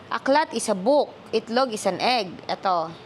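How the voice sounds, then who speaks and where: A woman's voice: on the high side, expressive, measured pace. A Filipino woman teaching her child to read at home, patiently prompting and switching between Filipino and English. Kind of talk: home reading lesson. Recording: faint background noise.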